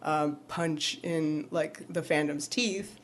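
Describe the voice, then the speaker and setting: A woman co-hosting a casual fan podcast, talking in an animated way with quick asides and frequent laughs. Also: deep voice, slight background noise. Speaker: podcast co-host.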